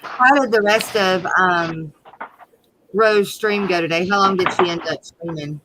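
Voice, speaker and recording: A woman's voice: fairly low pitch, background noise. A woman with a Southern US accent, co-hosting a casual livestream chat and agreeing readily. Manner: chatty, agreeable, quick asides. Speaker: co-host.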